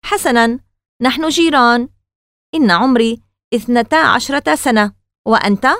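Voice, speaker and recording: A woman voicing a spirited twelve-year-old girl who asks sharp, indignant questions in a storybook reading. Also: a little high, moderate pace, no echo, pitched above the performer's own voice. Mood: curious.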